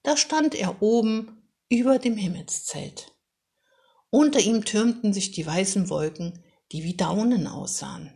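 A woman reading a children's story aloud in a calm, measured and expressive way. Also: mid-range voice, gravelly. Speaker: narrator.

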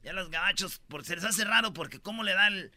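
A man's voice: high-pitched, brisk, background noise. A man with a Mexican accent hosting a radio show, joking through a countdown of news items in a slangy, playful way. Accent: Mexican Spanish. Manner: joking, slangy, acts out voices in quotes.

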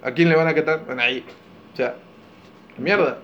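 A man's voice: fairly high pitch, moderate pace, dull audio, slight background noise. Joking young man, Rioplatense accent. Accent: Rioplatense Spanish. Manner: joking, laughs often, exaggerated and playful. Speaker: podcast co-host. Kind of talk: casual chat.

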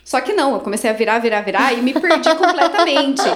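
Young brazilian woman, high voice, lively storytelling, laughs a lot, brazilian portuguese accent. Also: fast talker, crowd noise. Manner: animated, laughs often, acts out dialogue. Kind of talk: casual storytelling.

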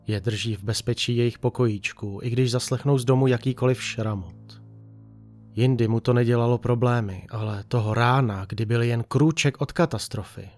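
Reading a grim tale aloud, the male narrator keeps his medium-pitched voice steady and calm, delivering it in an even storytelling style.

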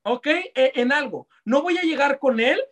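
A young Mexican man with a Mexican accent, giving live online sales coaching in a lively, slangy way that talks straight to his audience. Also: very high-pitched, measured pace. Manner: energetic, slangy, addresses audience directly. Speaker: sales trainer.

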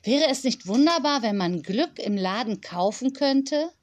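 A woman reading an audiobook, voicing a cheerful, whimsical woman teacher who speaks in a bright, sing-song, gently enthusiastic way. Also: on the high side, expressive, measured pace. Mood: joyful, playful.

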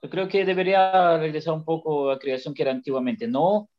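A man in casual conversation, agreeing often and speaking in a measured, halting way. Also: on the high side, steady tone. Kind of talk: casual chat. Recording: dull lo-fi sound.

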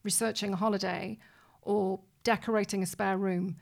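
A woman's voice: mid-range voice, level tone, moderate pace, vocal fry. A woman hosting a conversational interview in an emphatic, encouraging way. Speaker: podcast host.

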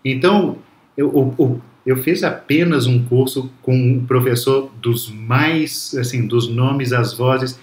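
A man's voice: mid-range voice, slow pace, echoey room. A man, reflective and storytelling, talking as a guest in a casual conversation. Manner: reflective, storytelling, frequent restarts.

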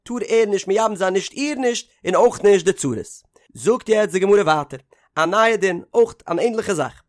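A man's voice: high-pitched, fairly bright tone. A man giving a Talmud study lesson, explaining each case step by step with made-up examples. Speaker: Talmud teacher.

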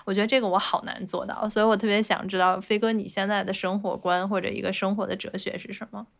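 A woman's voice: medium pitch, little pitch movement, fast talker, gravelly. Earnest woman host asking questions. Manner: earnest, self-questioning, asks openly. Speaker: podcast host. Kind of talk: casual podcast interview.

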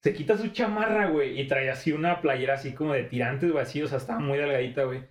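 A man's voice: mid-range voice, fast, roomy sound. A young man with a Mexican Spanish accent telling a story in casual chat, full of slang, laughing often and acting out the voices of the people in it.

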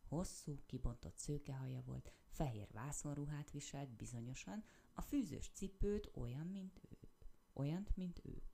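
Deep, creaky woman reading a story. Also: warm tone. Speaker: narrator.

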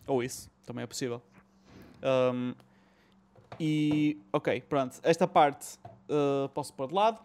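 A man's voice: mid-range voice, measured pace, pauses often, a little mellow. A man with a European Portuguese accent hosting a casual chat, slangy and mixing in bits of English. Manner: colloquial, slangy, swears and mixes in English. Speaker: host. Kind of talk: casual chat about retro gaming.

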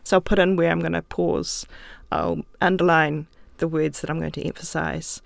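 A woman with a New Zealand accent talks easily as a studio guest, often laughing as she thinks aloud. Her voice carries a gravelly creak. The sound is close and dry, with no room echo. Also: low-pitched, steady tone, normal speed. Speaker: guest writer. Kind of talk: relaxed interview talk. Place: recording studio.

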